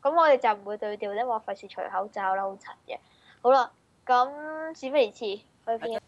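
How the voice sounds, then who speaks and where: A young woman with a high voice and a Hong Kong Cantonese accent hosts a casual challenge vlog. She talks in a playful, slangy way. The recording is dry and a little muffled. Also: fairly quick, no echo. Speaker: video host.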